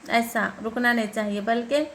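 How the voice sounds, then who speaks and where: A woman teaching Quran reading step by step, spelling out letters slowly and patiently and answering her own questions. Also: a little high, steady tone, fairly bright tone, a little hiss or hum. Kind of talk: step-by-step recitation lesson.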